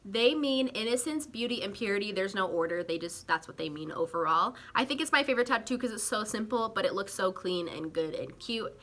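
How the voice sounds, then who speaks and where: A young woman from California chatting casually to camera as a vlogger, animated and full of "like" and "guys". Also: medium pitch, fairly quick, few pauses.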